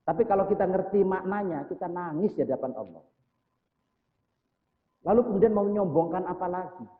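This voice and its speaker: A man's voice: high voice, expressive, moderate pace. Preacher, man, mosque sermon; chants prayer lines then explains them; thin phone-like sound. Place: mosque hall. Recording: echoey mosque hall over tinny phone-like sound.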